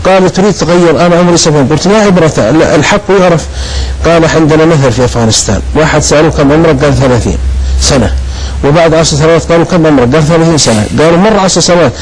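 A man rattles through anecdotes at great speed on a talk show. His voice sits a touch high, and he acts out the people in his stories as he goes. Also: very fast, breathy edge, low-quality recording. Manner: animated storytelling, voices quoted people. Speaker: guest preacher.

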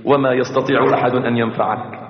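A man's voice: medium pitch, flat delivery, quick pace. A male preacher giving an impassioned sermon, calling out to his listeners and chanting verses. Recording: echoey hall, dull lo-fi sound.

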